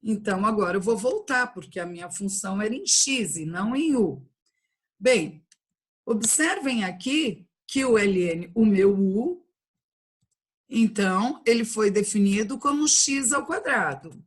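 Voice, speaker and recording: Slow-talking Brazilian woman teaching calculus. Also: mid-range voice, animated, slightly rough. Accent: Brazilian Portuguese. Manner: patient, explains step by step, checks in with students. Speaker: math teacher. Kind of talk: online calculus lecture.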